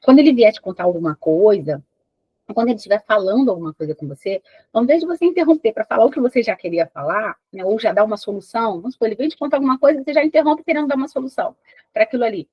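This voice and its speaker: A woman's voice: fairly high pitch, lively intonation, racing, breathy edge, no echo, highs cut off. A woman with a Brazilian Portuguese accent who gives parenting advice and talks straight to mothers, explaining things and asking them questions. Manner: explanatory, addresses the mother directly with rhetorical questions. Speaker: parenting educator. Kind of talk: direct-to-camera advice talk.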